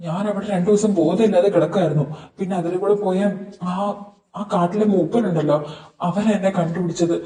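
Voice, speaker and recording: A man's voice: sits high, mellow, natural voice. A man voicing a young man who returns after a crash and earnestly explains what happened. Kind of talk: fan audio drama acting. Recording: roomy, distant recording with music.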